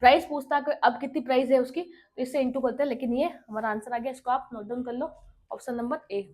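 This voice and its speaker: A woman teaching an exam-prep maths lesson, working through problems step by step, often checking in with "okay" and reading English questions out slowly. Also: sits high, fairly even intonation, darkish tone. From India. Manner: explains step by step, checking with "ठीक है".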